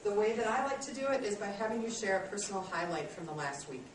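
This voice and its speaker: A woman's voice: mid-range voice, expressive, quick pace, far from the mic, noisy background. Woman teacher in an echoey classroom. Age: 30s. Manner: friendly, self-deprecating, many ums. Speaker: college instructor. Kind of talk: classroom lecture.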